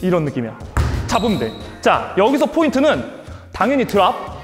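High, lively male basketball coach in a gym. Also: brisk. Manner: barks short cues and counts, coaxing and emphatic. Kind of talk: on-court coaching instruction. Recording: long gym reverb with faint music. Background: basketball bouncing, faint music.

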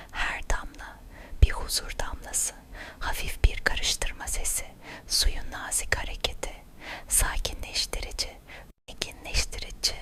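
A woman gives a guided ASMR relaxation in a breathy, crisp-edged whisper. She takes her time, soothing and gentle, keeping quiet as one does at night to help a listener sleep. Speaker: ASMR host guiding relaxation.

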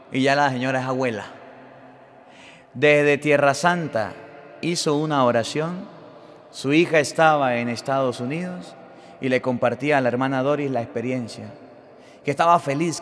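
A man preaching a sermon as a priest, emphatic, moving between loud declarations and quiet endings. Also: fairly high pitch. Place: church. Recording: long church reverb.

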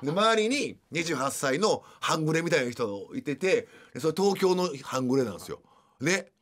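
A radio host in his fifties with a Kansai accent runs a casual studio show, telling stories and often laughing mid-sentence. His voice sits a little high and a bit bright, animated at a normal speed.

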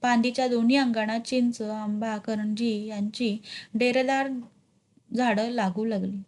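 A woman narrating a literary short story with a steady, measured reading. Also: a little high. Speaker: story reader.

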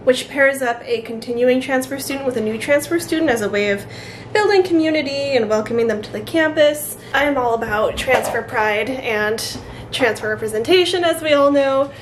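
A woman's voice: sits high, moderate pace, a little hiss or hum. A young woman from California's Central Valley, a college student talking candidly in a casual vlog, with lots of "like" fillers. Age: young adult. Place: at home.

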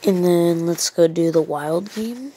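Slow, laid-back woman with a lowish voice. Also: slight background noise. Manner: laid-back, deadpan sarcasm. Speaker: mobile game player. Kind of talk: casual commentary over a screen recording. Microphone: phone mic.

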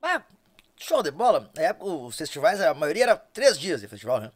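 A man's voice: a little high, fairly quick. A man with a southern Brazilian accent from Rio Grande do Sul, an accordion player telling jokey stories in a casual podcast chat. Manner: animated, jokey storyteller who laughs a lot.

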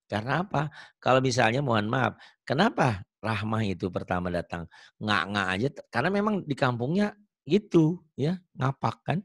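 A man's voice: mid-range voice, very animated, normal speed, dry recording. Male Quran teacher, patient, repeats sounds to drill them, dry close sound. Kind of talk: online tajwid lesson.

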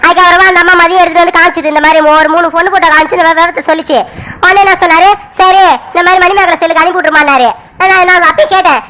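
A woman voicing a patient middle-aged mother who calms her son in a village family cartoon. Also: very high voice. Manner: patient, reassuring, repeats "sit, wait". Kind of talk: animated cartoon serial voice.

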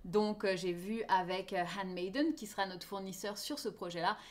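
A woman's voice: medium pitch, normal speed. A woman teaching a live online knitting class. She talks in a chatty way and often checks in with her viewers. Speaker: knitting teacher hosting a knit-along.

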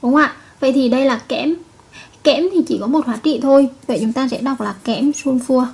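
A woman's voice: sits high, fairly quick, creaky, a little mellow, slightly rough. A woman chemistry teacher giving a recorded video lesson, patiently repeating each point and checking with her students.

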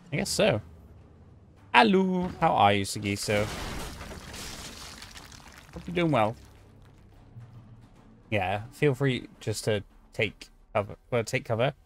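Male streamer, unhurried jokey commentary, gravelly voice. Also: medium pitch. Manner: chatty, jokey, talks to chat, yelps at scares. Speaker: game streamer. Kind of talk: gameplay commentary.

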